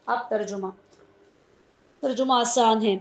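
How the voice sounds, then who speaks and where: A woman's voice: a little high, fairly even intonation. A woman teaching a religious lesson on a surah, telling its story and explaining terms as she goes. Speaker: Quran teacher. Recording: dull lo-fi recording.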